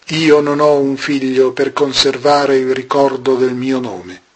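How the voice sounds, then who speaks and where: Slow, husky man reading scripture. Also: medium pitch. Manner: measured and solemn, with long pauses. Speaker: scripture reader.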